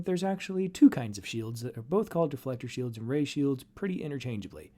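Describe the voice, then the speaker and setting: A man's voice: mid-range voice, dark tone. A man narrating an explanatory fan commentary as a host, with wry, dryly sardonic asides. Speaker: host and narrator of a video series.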